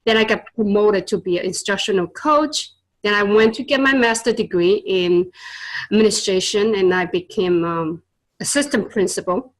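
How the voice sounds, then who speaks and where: An earnest woman, born in Vietnam and raised in China, speaks Chinese and Vietnamese as first languages and tells stories as a guest in a casual interview; she is a tutor and business owner. Her mid-range voice moves at a normal speed, full of fillers and non-native grammar, on a low-quality recording.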